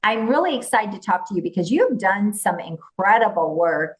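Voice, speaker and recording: A woman hosting an interview podcast, enthusiastic and full of quick affirmations. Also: mid-range voice, lively intonation, rough recording. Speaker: podcast host. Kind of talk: casual interview.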